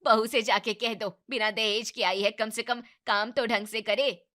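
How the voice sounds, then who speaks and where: A man voicing a calm, middle-aged husband in an animated family drama, speaking in a placating, tired way. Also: high voice, normal speed. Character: calm middle-aged husband, weary of his wife's anger.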